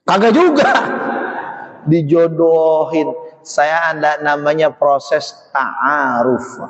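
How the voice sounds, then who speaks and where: A man's voice: on the high side, expressive, slow pace. A man preaching in a mosque and joking, often asking the crowd questions. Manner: jokey, keeps asking the audience questions. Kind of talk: mosque sermon with audience banter. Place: mosque hall. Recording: echoey mosque hall, muffled sound.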